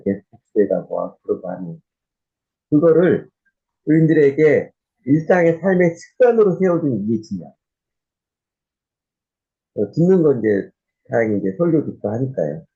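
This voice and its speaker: A man with a gravelly, mellow voice teaches a church class in a loose, conversational way. He pauses on fillers and restarts sentences as he goes. The recording is a bit dull and muffled. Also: medium pitch. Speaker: pastor.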